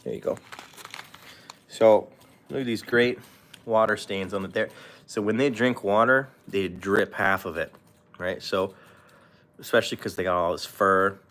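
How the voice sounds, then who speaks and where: A man's voice: on the low side, steady tone, normal speed, a bit bright. A man casually chatting on a livestream while feeding his guinea pigs, rambling and correcting himself with small chuckles. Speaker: pet vlogger.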